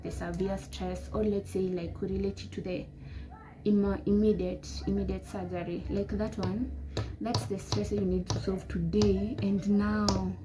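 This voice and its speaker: A woman, giving rambling, emphatic advice to camera as a vlogger. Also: medium pitch. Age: 20s. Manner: rambling, emphatic, pep-talk tone. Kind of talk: casual advice talk to camera. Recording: noisy background.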